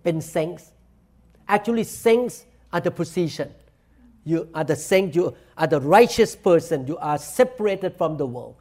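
A man with a Thai accent preaching a sermon, saying each point in slow, deliberate English and then repeating it quickly in Thai. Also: high voice, animated, darkish tone. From Thailand. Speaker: pastor. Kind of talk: bilingual sermon, self-translating.

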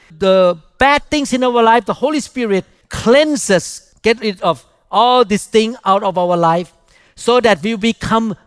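An older man from Thailand preaches with a Thai accent in a notably high voice. He speaks in short, emphatic chunks and often repeats a phrase to press it home. The sound is dry, with very little room around it. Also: clear, resonant tone, no echo. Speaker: pastor preaching. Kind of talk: sermon.

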